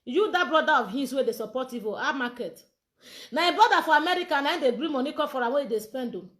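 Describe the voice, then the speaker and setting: A woman's voice: high voice, lively intonation, fast talker, fairly bright tone. A woman with a Nigerian accent, a political campaign organizer, talking in a live social media monologue in a heated, insistent way. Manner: heated and insistent, repeating demands to be heard.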